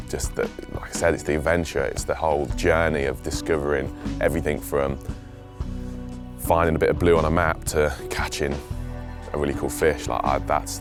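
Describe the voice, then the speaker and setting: A young man who grew up in Switzerland speaks in a bass voice with vocal fry. As an eager angler, he chats casually outdoors and in voice-over, rambling with restarts.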